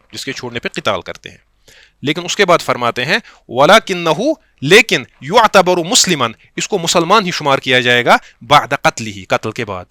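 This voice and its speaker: A man from Kashmir teaching a class, reading out a text slowly and explaining it line by line, often checking that his students follow. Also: fairly high pitch, pushed and bright, no room sound, studio quality. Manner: explains slowly, reads Arabic text then glosses it, checks understanding with the class; quotes lines slowly and deliberately. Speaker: instructor. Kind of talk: classroom lecture on a religious text.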